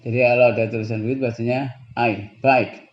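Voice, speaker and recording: The audio is dull, and the man's mid-range voice is flat as he gives a classroom lesson on English pronunciation. Patient and slow, he moves between two languages and laughs softly every so often.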